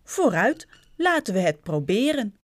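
A flustered little storybook husband, as a woman reading aloud puts him on, sitting near her own voice with a touch lower pitch. He speaks slowly and plainly. The recording is dry and close. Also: sing-song, no room sound. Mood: reassuring. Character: flustered little husband turned tiny and winged.

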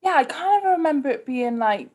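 A woman's voice: high voice, lively intonation, fast, darkish tone. Candid woman with a Cardiff accent. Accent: Cardiff Welsh. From Cardiff, Wales. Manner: candid, conversational, heavy use of "like". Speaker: podcast guest, influencer. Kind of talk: casual personal interview chat.

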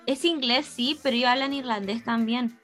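A woman's voice: fairly high pitch, moderate pace, a bit bright, soft background music. A young woman with a Chilean accent, chatting casually as a podcast co-host, slangy and prone to tangents. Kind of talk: casual chat.

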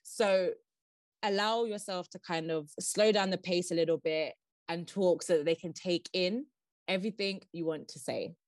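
A woman guest on a podcast giving interview tips, who says she talks fast and laughs now and then. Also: fairly low pitch, no room sound. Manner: fast-talking, laughs often.

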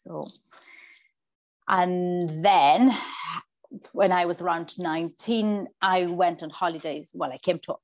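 A woman's voice: fairly low pitch, fairly even intonation, takes it slowly, pauses often, a little mellow. A woman in her forties from Spain with a Spanish accent, a riding coach chatting in an interview, often repeating words as she restarts. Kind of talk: casual interview.

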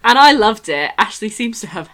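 A woman with a bright, forward voice at an average pitch co-hosts a casual podcast. She is candid and relaxed in her wording, and swears freely. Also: normal speed, a little hiss or hum. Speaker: podcast co-host. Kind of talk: casual chat.

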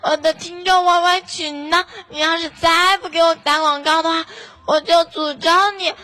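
A woman's voice: high-pitched, measured pace, pushed and bright. A woman putting on the voice of a coy, whiny young woman who pouts and pleads for favors. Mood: pouty pleading. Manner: pouty, pleading, refers to herself as 人家.

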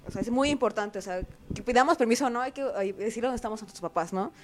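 A woman's voice: fairly high pitch, quick pace. A young woman with a Mexican accent, chatting casually on a student panel and explaining practical tips with some hesitation. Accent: Mexican Spanish. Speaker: student co-host.

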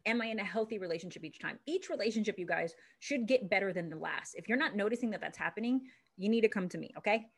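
A woman hosting a podcast as a relationship expert, upbeat and quick to laugh, speaking to her guest and listeners. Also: mid-range voice, expressive. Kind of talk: casual interview chat.

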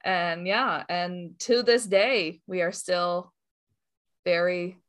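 A woman's voice: lowish voice, takes it slowly, fairly bright tone. A woman in her late twenties, a teacher, chatting casually with dry, sarcastic humor. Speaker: teacher, podcast guest. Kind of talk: casual chat.

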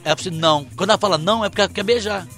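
A man, co-hosting a casual chat and telling stories in an animated way, laughing as he acts out the people in them. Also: high-pitched, very fast, soft background music. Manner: animated, laughs through his stories, acts out quoted voices.

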